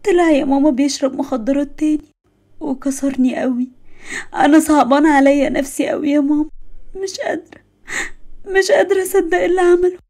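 A woman's voice: sits high, steady tone, a little fast, mellow, natural voice. A woman with an Egyptian accent voicing a heartbroken, emotional young woman in a storybook tale, tearful and pleading, fierce when angered. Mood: sobbing. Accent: Egyptian Arabic. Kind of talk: storybook voice acting.

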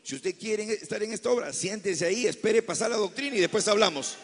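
Male pastor, high gravelly voice, fervent sermon, long church reverb. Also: lively intonation, brisk. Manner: impassioned preaching that swings from hushed storytelling to loud exclamations. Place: large church hall.

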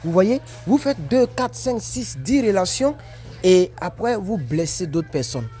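A man's voice: sits high, unhurried, soft background music. A man, reacting to comments in a casual, preachy vlog from his work break. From Ivory Coast. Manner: animated, repetitive, preachy.

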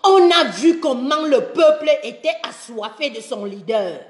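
A woman's voice: high-pitched, lively intonation, measured pace, roomy sound. A woman from Cameroon ranting live about politics, breaking into sung refrains between her tirades. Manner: passionate, sings chant-like refrains between spoken tirades. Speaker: political video commentator. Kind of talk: live video rant with singing.

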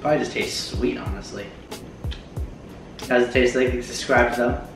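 Speaking at a moderate pace in a mid-range voice, a young American man chats to camera as host of a challenge video, full of slang and cursing. He's filmed indoors in his home kitchen by a camera mic a few feet off. The kitchen echoes and faint music plays in the background.

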